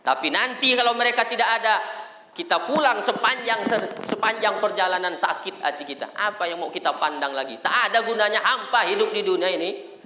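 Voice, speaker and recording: Joking preacher in an echoey hall. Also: male voice, sits high, expressive, fairly quick, pushed and bright, slight background noise. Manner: storytelling, joking, shifting voices. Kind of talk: humorous sermon. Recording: echoey hall with faint ambience.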